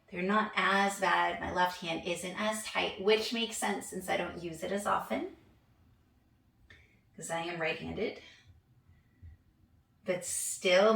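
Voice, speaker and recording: Gravelly-voiced woman leading a yoga class. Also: on the low side. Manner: relaxed, chatty, laughs at herself. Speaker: yoga instructor. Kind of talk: guided hand massage class. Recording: echoey room, voice from a distance.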